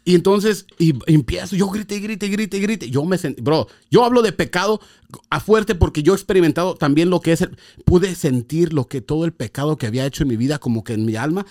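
A man's voice: on the high side, a little fast, darkish tone. A man telling a personal conversion story in casual chat, mixing with English slang. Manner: mixes Spanish and English slang, emotional storytelling.

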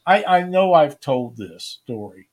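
A man's voice: on the high side, animated, unhurried. A man hosting a live fishing stream, talking casually and rambling through stories with homespun grammar.

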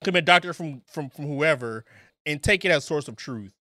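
A man's voice: on the high side, a little fast, sharp tone, no echo, clean studio sound. A man co-hosting a podcast in casual chat, often repeating words as he makes his point. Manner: stammering, repeats words when making a point. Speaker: podcast co-host.

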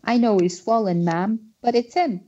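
A man's voice: high voice, moderate pace, dark tone, highs cut off, pitched above the performer's own voice. A man voicing an eager, wheedling scruffy male thug.

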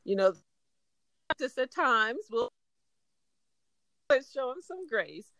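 A woman's voice: a little high, big pitch swings, slow, gravelly, no echo. A woman hospital chaplain speaking earnestly about her faith and work. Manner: warm, earnest, faith-filled. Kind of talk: casual interview chat.

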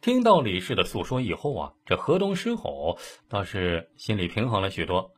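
A man telling an old case story in a lively, colloquial way. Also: on the low side, normal speed, slightly rough. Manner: lively, colloquial, dramatic asides. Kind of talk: casual storytelling.

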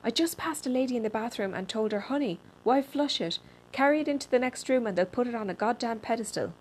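A woman reading a story aloud and voicing a drunk, loud-mouthed middle-aged mother who shouts her opinions. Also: on the high side, expressive, fast talker, a little hiss or hum, voice pushed up, natural voice. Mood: drunken shouting. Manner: brash and shouting.

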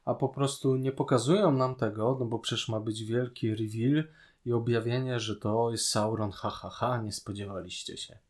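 On a podcast he co-hosts, this man reviews a TV series with casual, opinionated sarcasm. His mid-range voice has a darkish tone and fairly even intonation, at a normal speed.

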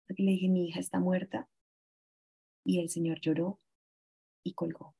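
Woman, 40s, interview guest; gravelly, halting, earnest delivery. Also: on the low side, little pitch movement, warm tone. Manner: earnest, halting storytelling with many restarts. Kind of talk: emotional personal account.

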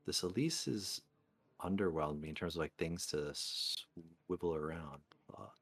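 Male gamer, lowish voice, casual podcast chat, musing aloud over each play. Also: measured pace, fairly bright tone, husky. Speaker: podcast participant playing a card game.

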